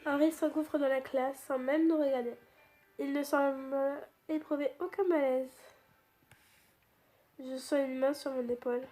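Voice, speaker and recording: A woman's voice: high voice, steady tone, measured pace, long pauses, mellow, faint music behind. A woman reading a first-person story aloud, chatty, with restarts and asides.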